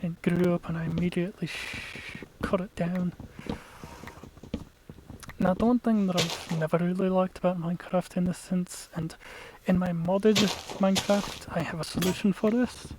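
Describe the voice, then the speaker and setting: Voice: medium pitch, fairly even intonation, unhurried, noisy background. A let's play gamer giving casual, chatty gameplay commentary, explaining tactics to viewers and sometimes dropping to a whisper.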